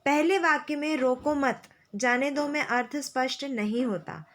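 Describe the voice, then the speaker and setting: A woman teacher explaining grammar to schoolchildren, slow and patient, repeating key phrases. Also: high voice, fairly bright tone. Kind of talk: classroom lesson explaining grammar.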